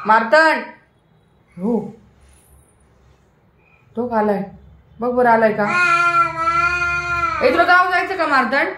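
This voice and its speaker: A woman's voice: a little high, animated, slow pace, long pauses, reverberant, very noisy. A young mother at home, talking to her small children in a sing-song, coaxing way and repeating her words. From Maharashtra, India. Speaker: mother and vlog host.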